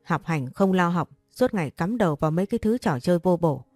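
A woman voicing a doting, flustered father who coaxes his young daughter, in a low, dark reading voice. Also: expressive, quick pace, no room sound, soft background music. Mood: scolding. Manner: coaxing, then scolding.

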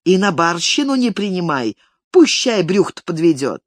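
A reader voicing an old male village elder who grovels and pleads with his master, raising the voice high and thin. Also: big pitch swings, normal speed, no room sound, clean studio sound. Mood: pleading. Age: older. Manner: wheedling, tearful pleading. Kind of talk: audiobook character reading.

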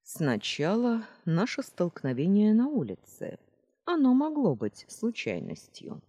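Woman reads calm male dragon, measured explainer, breathy, hall reverb. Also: medium pitch, pitched above the performer's own voice, exaggerated voice. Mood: reasoning. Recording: roomy reverb.

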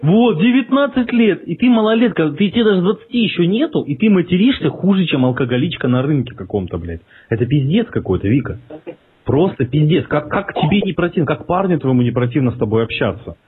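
Prank caller, male, husky, on a thin phone line, mocking and provocative. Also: on the high side, big pitch swings, fast.

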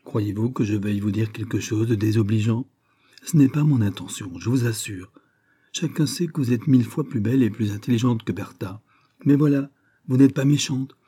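A man's voice: medium pitch, normal speed, dark tone, slightly rough, natural voice. A man voicing a gossipy society hostess. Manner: gossipy, confiding, emphatic. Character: chatty wealthy society hostess, woman, middle-aged. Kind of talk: audiobook character reading.

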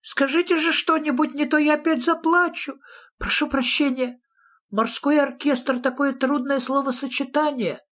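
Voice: medium pitch, steady tone, moderate pace, few pauses, fairly bright tone, pitched above the performer's own voice, lightly acted. A reader voicing a small, anxious, eager male creature who pleads nervously and is close to tears, in an audiobook. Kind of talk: audiobook reading.

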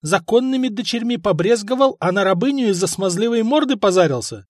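A man's voice: expressive, a little fast, dry recording, clean studio sound. A man voicing a spiteful, scheming middle-aged wife of a chieftain who scolds and mocks her husband. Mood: scornful. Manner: shrill, scolding, mocking. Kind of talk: audiobook character voice.

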